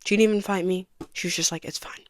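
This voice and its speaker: A young woman telling her personal story in a soft, halting voice that often sinks to a near whisper. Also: mid-range voice, fairly even intonation. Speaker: vlogger giving a personal testimony.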